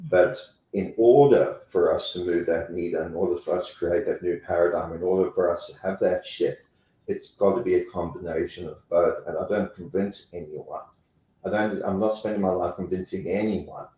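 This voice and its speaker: A company president with a South African accent is interviewed as a guest, speaking emphatically and repeating phrases for effect. His low, dark voice keeps a fairly even intonation at a moderate pace, and the low-quality recording sounds roomy.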